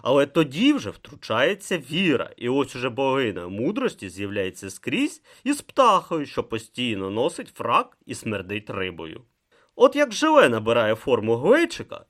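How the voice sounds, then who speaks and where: An audiobook narrator reading with dramatic, expressive delivery. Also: medium pitch, moderate pace.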